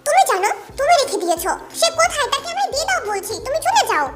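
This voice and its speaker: A woman's voice: very high voice, sing-song, fast, over loud music, voice pushed up. A woman voicing a playful, dreamy young wife who pleads stubbornly. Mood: pleading.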